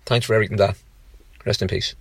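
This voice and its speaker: A man in his fifties with an Irish accent, reading a personal tribute to his late father in a measured storytelling manner. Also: on the low side, steady tone, slightly rough, dry recording. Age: 50s. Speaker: contributor reading a memoir.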